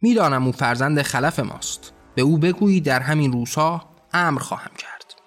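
A man's voice: fairly high pitch, faint music behind, close to an everyday voice. A man voicing a wrathful, ranting male god who bellows scornful tirades in a storybook reading.

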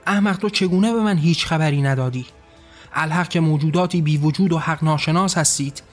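A man voicing a furious, frightened male god who rules as a tyrant and shouts commands. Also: on the high side, soft background music, close to an everyday voice. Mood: raging.

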